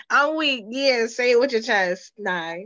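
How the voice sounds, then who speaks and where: A young woman playing an excitable teenage girlfriend who is loud and giggly in a student play. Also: medium pitch, dull audio.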